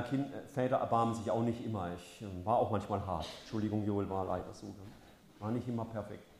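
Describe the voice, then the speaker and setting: An older male pastor preaching a heartfelt sermon, moving between quiet tenderness and loud, urgent appeals. His voice sits at a middle pitch and rings out in an echoey church hall. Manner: passionate, swings from soft to loud.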